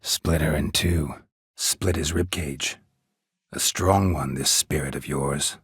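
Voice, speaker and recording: Geralt, a very deep, gruff monster hunter. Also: male voice, slow pace, dry recording, exaggerated voice. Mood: grim. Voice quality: gravelly, husky low voice. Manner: terse, deadpan, dry. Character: gruff, world-weary male monster hunter for hire, stoic and sardonic. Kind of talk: video game character dialogue.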